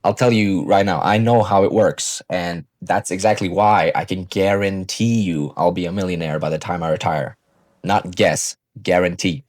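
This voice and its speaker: Speaking close to the microphone, a young man in his early twenties who vlogs about finance gives viewers a blunt, casual pep talk, assertive and cursing freely. His voice is deep, and the recording dry.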